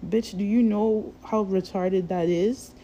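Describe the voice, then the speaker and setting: Slow, gravelly-voiced woman ranting. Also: medium pitch, fairly even intonation, warm tone, dull audio, slight background noise. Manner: profane, rambling, drawn-out delivery. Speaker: vlogger. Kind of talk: casual ranting monologue.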